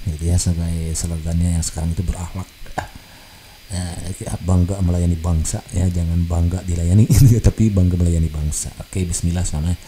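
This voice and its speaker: A chatty man reads viewer comments aloud, laughing often and slipping in English phrases. His voice sits low and very dark and mellow. A faint hiss of noise runs behind him. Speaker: channel host reading viewer comments. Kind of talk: casual chat reading comments.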